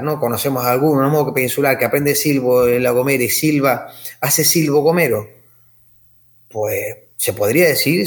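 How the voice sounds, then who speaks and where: Canarian-accented man, guest expert, mid-pitched, rambling explanatory delivery with frequent tag questions. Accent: Canarian Spanish. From Tenerife, Canary Islands. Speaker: ethnomusicologist guest. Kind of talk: explanatory interview answers.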